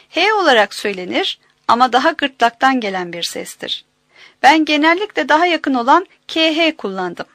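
A woman narrating an audiobook in a measured, careful way, minding each pronunciation. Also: high voice, fairly bright tone, no room sound.

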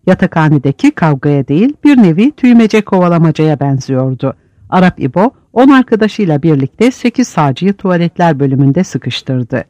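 A man narrating an audiobook with vivid, expressive reading. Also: on the high side, moderate pace, dry recording. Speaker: audiobook reader.

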